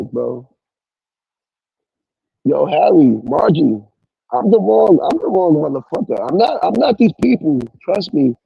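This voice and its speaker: A man's voice: fairly high pitch, vocal fry, slightly rough, no room sound, dull audio. A man hosting a livestream, ranting at people in a profane, confrontational, repetitive way. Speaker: live stream host. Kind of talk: heated livestream rant. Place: at work.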